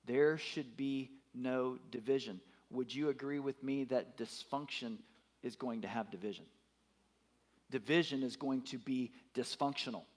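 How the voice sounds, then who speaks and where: A man's voice: mid-range voice, unhurried. A man in his fifties preaching a sermon, emphatic, repeating his words and putting questions to the congregation. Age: 50s. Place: church.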